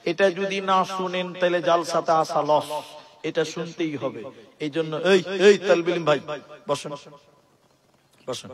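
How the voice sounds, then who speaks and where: A man's voice: on the high side, moderate pace, pauses often. A man with an Assamese Bengali accent preaching a sermon from a stage mic, fervent and rhetorical, chanting verses and joking with the audience. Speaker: Islamic preacher at a night religious gathering. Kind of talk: Bengali waz sermon with storytelling. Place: outdoor stage at a large night gathering. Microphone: stage microphone. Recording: loud crowd around a stage PA. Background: crowd of listeners.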